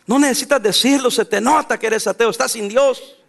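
Salvadoran pastor, man, very high voice, emphatic church sermon with bursts of laughter. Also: a little fast, creaky. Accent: Salvadoran Spanish. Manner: emphatic preaching, mixes laughter and sudden loud outbursts.

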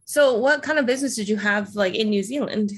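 A woman's voice: a little high, a little fast. A woman co-hosting a podcast, asking questions in an upbeat, casual way, full of "like" and "kind of". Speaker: podcast co-host.

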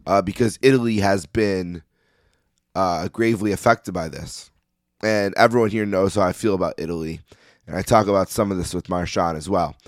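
A man hosting a sports podcast in a casual, opinionated monologue, his voice slightly hoarse as if he is losing it. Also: deep voice, steady tone, normal speed, no echo, clean studio sound. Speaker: podcast host.

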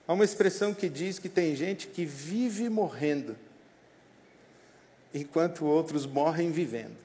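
A man's voice: on the high side, a little slow. A male pastor preaching a passionate sermon and leading the congregation in prayer. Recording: echoey hall with loud guitar music behind. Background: guitar music.

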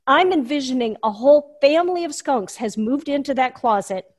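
A woman telling a personal story in casual chat, animated and full of fillers. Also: sits high, normal speed. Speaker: guest storyteller.

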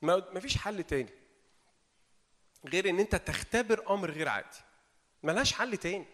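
Egyptian guy preaching, high voice, keeps asking the crowd questions, long hall echo. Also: brisk. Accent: Egyptian Arabic. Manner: animated, asks the audience rhetorical questions. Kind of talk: informal sermon. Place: meeting hall.

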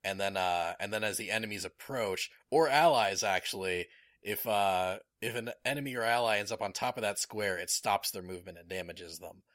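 An enthusiastic man in casual podcast chat who rambles with plenty of fillers. His voice is fairly low but bright and forceful. The sound is dry and close. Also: normal speed, dry recording.

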